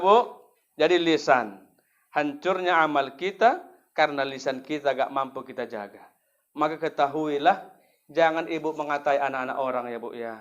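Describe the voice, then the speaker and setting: A man's voice: on the high side, muffled recording. A man with a North Sumatran Indonesian accent giving a humorous sermon to a women's study group, joking and speaking straight to his listeners. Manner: lively, joking, often addresses listeners directly. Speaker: preacher.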